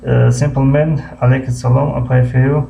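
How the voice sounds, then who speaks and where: A man with a Tajik accent teaching English on a live stream, repeating each word slowly and greeting viewers by name. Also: mid-range voice, little pitch movement, gravelly. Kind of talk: live-streamed language lesson. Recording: muffled lo-fi stream audio with faint hum.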